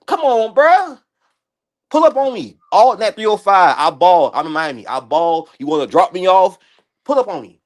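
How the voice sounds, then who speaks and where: Brief: thirties man, animated debate guest, slangy and repetitive, slightly high pitch. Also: moderate pace. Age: 30s. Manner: animated, repeats himself, slangy. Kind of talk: casual heated sports debate.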